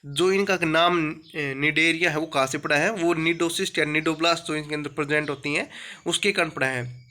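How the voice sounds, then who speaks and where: Bright-voiced man teaching biology. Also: fairly high pitch, steady tone. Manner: asks questions then answers them himself; reads English textbook lines slowly, explains in Hindi. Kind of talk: exam-prep lecture.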